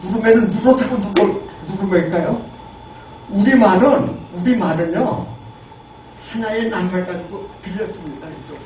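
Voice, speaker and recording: A man in his eighties giving a lively lecture and asking the audience questions. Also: high-pitched, moderate pace. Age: 80s. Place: lecture room. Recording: lo-fi, echoey, distant, noisy.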